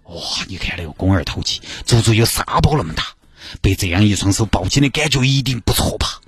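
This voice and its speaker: A man with a Sichuanese accent telling a comic story in an animated way, full of exclamations. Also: lowish voice, fairly quick, slightly rough, no echo.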